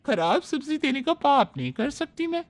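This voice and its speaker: A woman voicing a loud, defensive vegetable-seller woman protesting an accusation. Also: high voice, sing-song, moderate pace, no room sound, pitched above the performer's own voice. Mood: indignant.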